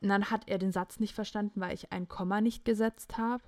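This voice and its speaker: Here the young podcast host talks fairly quickly, her mid-range voice captured dry and clean in the studio. She animatedly recounts a chat conversation, reading out the texts and voicing each participant in a casual way.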